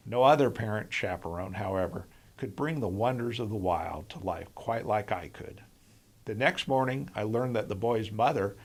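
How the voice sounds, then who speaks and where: A middle-aged man narrating a scripted, humorous personal story in a deliberate, deadpan way. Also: on the low side.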